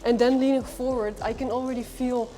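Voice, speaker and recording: A woman's voice: fairly high pitch, little pitch movement, fairly quick, dark tone, soft background music. A woman hosting a casual vlog in a gym, chatting as she tries out a workout. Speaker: vlog host trying a workout. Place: indoor gym.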